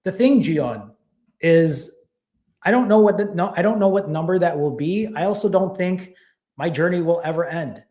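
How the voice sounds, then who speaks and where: A man's voice: sits high, expressive, normal speed, dark tone. A man, casually hosting a live stream, reading viewer comments and thanking people by name, a little out of breath. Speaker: fasting channel host.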